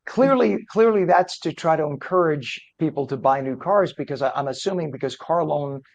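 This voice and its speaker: A hoarse man with a croaky frog voice, hosting live news in a chatty, halting way and interviewing a guest. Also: fairly high pitch, animated, dry recording, dull audio. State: hoarse, struggling with voice. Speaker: news host.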